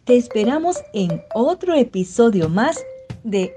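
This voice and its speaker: A woman hosting a podcast, giving a measured, gentle scripted narration. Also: fairly high pitch, very animated, soft background music. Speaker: podcast host.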